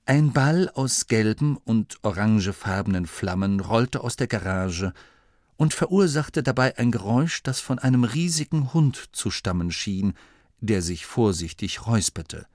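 A man narrating an audiobook in a lively, expressive reading voice. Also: fairly low pitch, unhurried, no room sound, studio quality.

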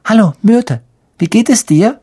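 A reader voicing an earnest, brisk schoolgirl in a raised, bright, placating tone. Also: medium pitch, animated, breathy edge, voice pushed up. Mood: soothing. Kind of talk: audiobook reading.

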